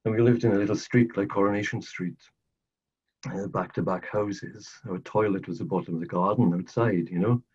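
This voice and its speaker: Older Welsh man, low husky voice. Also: fairly even intonation, moderate pace, a little mellow. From South Wales. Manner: earnest, emphatic, repeats phrases for stress. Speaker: podcast guest. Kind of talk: casual storytelling interview. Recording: dull lo-fi audio.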